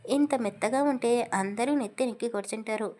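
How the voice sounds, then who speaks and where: A woman's voice: fairly high pitch, brisk, dark tone, natural voice. A woman voicing a fond, teasing husband in a storybook reading. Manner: teasing, affectionate.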